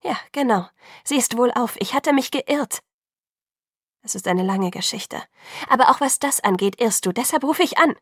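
A woman reading an audiobook, voicing a sharp-tongued, fierce young woman with cutting, clipped lines. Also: a little high, expressive, moderate pace, dry recording, studio quality, pitched above the performer's own voice. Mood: angry.

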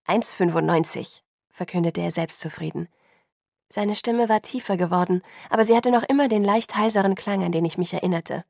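A woman narrating an audiobook in first person, calm and measured, close to the mic. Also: mid-range voice, vocal fry, no room sound.

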